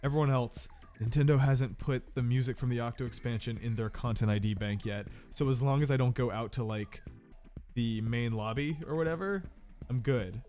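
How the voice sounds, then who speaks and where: A man's voice: medium pitch, moderate pace, mellow, faint music behind. A sick man with a nasal, stuffed-up voice, rambling casually and self-deprecatingly while livestreaming a game, a little profane. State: sick with a cold. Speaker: game streamer.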